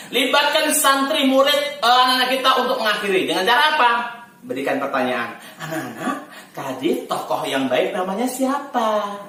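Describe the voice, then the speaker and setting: A man teaching storytelling technique in a lively, chatty way, laughing often and letting his pitch swing widely. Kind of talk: tutorial lesson on storytelling. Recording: echoey room from far off.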